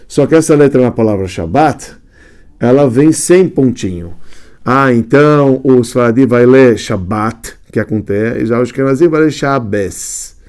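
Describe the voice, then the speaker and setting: A man's voice: medium pitch, expressive, moderate pace, a little mellow, clear, resonant tone. A man, a rabbi teaching Hebrew letters in a class, explaining step by step and often asking if students follow. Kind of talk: classroom lecture.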